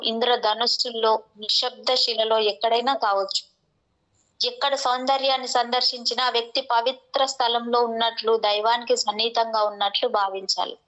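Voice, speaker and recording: A woman slowly reading a spiritual text aloud, with a few restarts. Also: fairly high pitch, fairly bright tone, dull audio. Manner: slow, measured reading with restarts.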